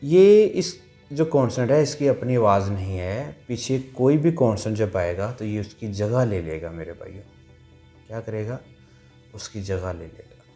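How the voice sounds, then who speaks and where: A man teaching a language lesson, explaining pronunciation rules patiently, repeating each point and sounding out syllables slowly. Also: on the low side, expressive, dark tone, faint music behind.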